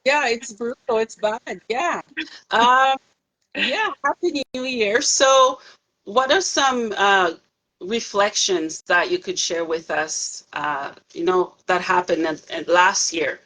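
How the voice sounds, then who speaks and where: Speaking slowly in a mid-range voice, a woman hosts her podcast as a casual chat over a live video stream on her phone. Soft-spoken at first, she turns chatty and laughs a lot.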